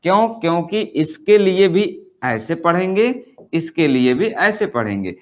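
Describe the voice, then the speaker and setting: A man's voice: on the high side, big pitch swings. A man teaching English grammar in Hindi, explaining step by step, asking rhetorical questions and reading example sentences word by word. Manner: slow, explanatory, repeats points and asks rhetorical questions. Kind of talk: Hindi-language grammar lesson.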